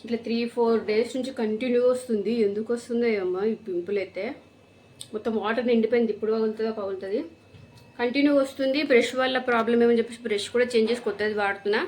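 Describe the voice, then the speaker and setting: Mom in her thirties, quick and chatty daily vlogger, slightly high voice. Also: fairly even intonation, a little mellow. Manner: brisk, chatty, talks to the camera while cooking. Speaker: vlogger and mother. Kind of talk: casual daily vlog chat. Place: home kitchen.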